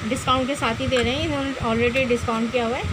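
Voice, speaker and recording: A woman with a high voice hosts a handheld shopping vlog, chatty and repetitive as she relays product details to her viewers. She records on a phone in a busy mall shop, with loud crowd and machine noise behind her. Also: steady tone, fast talker. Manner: chatty, repeats the prices and details back to the camera. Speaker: vlogger and channel host.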